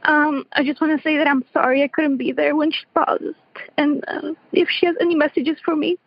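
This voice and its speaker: A woman phoning in to a call-in show, her high voice coming through a dull, muffled line. She talks haltingly, with fillers and restarts. The sound is close and dry. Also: flat delivery, no room sound. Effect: caller heard over a phone line. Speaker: caller to a call-in podcast.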